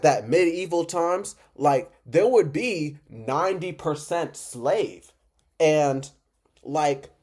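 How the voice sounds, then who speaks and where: A man's voice: fairly high pitch, darkish tone. Drunk man on an impassioned rant. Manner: emphatic, repetitive, rambling. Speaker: reaction video host.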